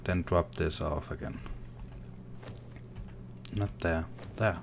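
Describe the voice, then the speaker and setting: Streaming a game live, a low-voiced man from Denmark murmurs quietly to himself and reads out chat in a slow, unhurried manner. His tone is steady and gravelly, with faint game ambience and slight background noise underneath.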